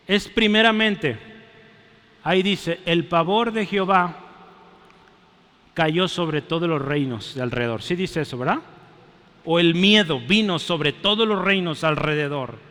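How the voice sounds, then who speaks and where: A man preaching a sermon in a church, fervent, often rising to loud exclamations and checking in with his congregation. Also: sits high, clean tone. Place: church sanctuary. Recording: echoey church hall.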